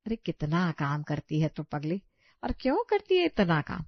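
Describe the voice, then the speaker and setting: A woman voicing a kind older mother-in-law who scolds fondly and calls out loudly in a cartoon. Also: low voice, very animated, moderate pace, no echo, lo-fi sound, exaggerated voice. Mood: fussing caring.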